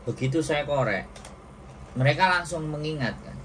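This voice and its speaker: A woman from Indonesia hosting an interview, talking in an animated, reflective way. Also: deep voice, moderate pace. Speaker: host, interviewer. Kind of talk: casual interview chat. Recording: distant mic, faint noise.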